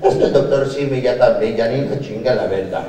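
A man's voice: mid-range voice, brisk, mellow, a little hiss or hum, natural voice. An actor playing a cheeky, bawdy old man, teasing his friends in a comedy sketch. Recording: distant, very echoey room.

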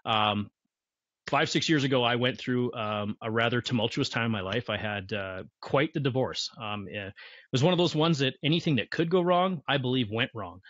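A man's voice: mid-range voice, moderate pace, fairly bright tone, no echo. A man who is a guest in an interview, talking confidently about motivation and repeating his key phrases. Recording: dull, muffled lo-fi sound.

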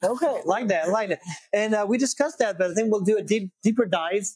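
A male host in his forties with a high, husky voice, guiding a conversation and dropping frequent short acknowledgements. The sound is dry and close, from a lapel mic. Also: fairly quick, darkish tone, no room sound, poor audio. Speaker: show host. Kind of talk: conversational interview hosting. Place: small wood-paneled room, indoors.

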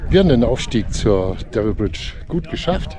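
A man's voice: medium pitch, sing-song, normal speed. German man narrating a travel vlog. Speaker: travel vlogger. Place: outdoors on hiking trails and by a car. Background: background music.

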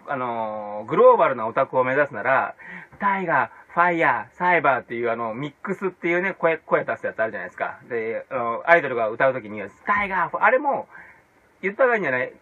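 Jokey comedian guy riffing solo, voice leaps all over, kinda muffled lo-fi audio. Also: mid-range voice. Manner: animated, jumps into loud mock-English shouts. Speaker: comedian hosting his own video blog. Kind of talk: casual comic monologue. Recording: dull lo-fi sound.

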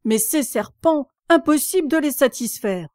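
A woman reading aloud voices a shrill, anxious female pigeon guarding her eggs, complaining and scornful. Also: lively intonation, moderate pace, a little mellow, no echo, clean studio sound.

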